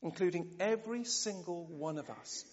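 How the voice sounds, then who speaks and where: A man preaching a sermon, animated and often asking the congregation rhetorical questions. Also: high-pitched, moderate pace. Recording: dull sound, long church reverb.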